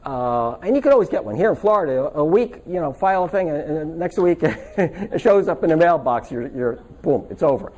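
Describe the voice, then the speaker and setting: A man leads a live stress-relief seminar with a lively voice that rises and falls widely. He pitches a little higher than most men and keeps it chatty, full of stories and quick check-ins with the room. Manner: chatty, anecdotal, asks the audience for agreement. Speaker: stress workshop teacher. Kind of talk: casual live seminar talk.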